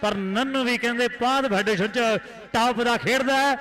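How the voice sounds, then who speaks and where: A man commentates a rural kabaddi match in a frantic style with an Indian Punjab accent. His voice is pitched extremely high and cuts through brightly, and he fires off repeated names and phrases in excited bursts. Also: normal speed, poor audio. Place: live commentary at a village kabaddi tournament ground.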